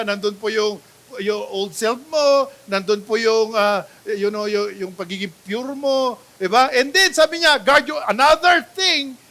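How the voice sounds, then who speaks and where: A Filipino man preaching a church sermon, mixing Tagalog and English, animated, often asking "di ba?" and swinging between loud exclamations and soft asides. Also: high voice. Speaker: pastor. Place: church sanctuary.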